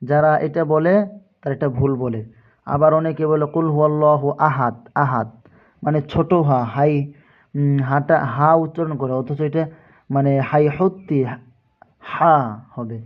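A man teaching Quran recitation, spelling out letters and vowel marks, then chanting each verse slowly. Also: a little high, steady tone. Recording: tinny phone-like audio.

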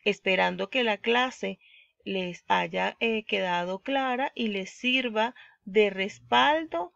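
A woman teacher with a Venezuelan accent who gives a recorded online lesson, speaking slowly and deliberately and stressing the example words. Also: medium pitch, vocal fry, fairly bright tone, dry recording, lo-fi sound.

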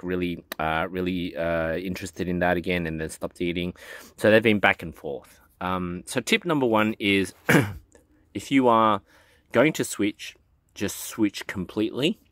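A man's voice: deep voice, a bit bright, dry recording, studio quality. A man vlogging casually from his backyard chicken run, talking hesitantly with many ums and restarts. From Australia. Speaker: gardening vlogger. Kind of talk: casual talk to camera.

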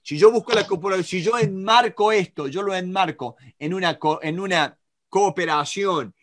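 A middle-aged man with an Argentine Spanish accent teaches negotiation in a live online class, lively and talking to students by name with frequent checks on whether they follow. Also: high-pitched, normal speed. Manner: animated, talks to students by name, many rhetorical checks. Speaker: negotiation instructor.

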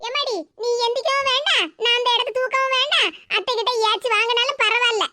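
A woman's voice: very high-pitched, quick pace, heavy background noise. A woman voicing a patient, hardworking young wife in a cartoon, with a Tirunelveli Tamil accent and a pleading, mildly scolding manner.

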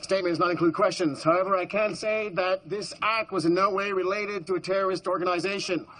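An actor playing a brisk official in command at a crime scene who speaks in a clipped, commanding way. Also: male voice, sits high, fairly even intonation, fairly bright tone.

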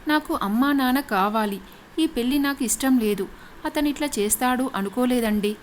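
A woman narrator voices a frightened young bride who pleads and sobs out her words. The voice sits fairly high over a faint background hiss. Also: normal speed, close to an everyday voice. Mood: pleading.

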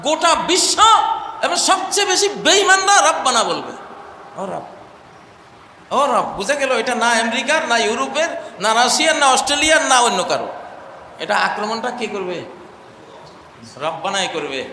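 Guy preaching hard, bright high voice, loud then soft, echoey hall. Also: sing-song, moderate pace. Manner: impassioned, swings between loud cries and low murmurs, chants verses. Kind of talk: impassioned sermon. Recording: echoey hall, faint noise.

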